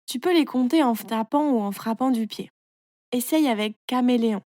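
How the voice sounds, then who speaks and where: Woman as wise caterpillar referee, storybook, calm, patient, fairly high, dry close sound. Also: normal speed, no room sound, lightly acted.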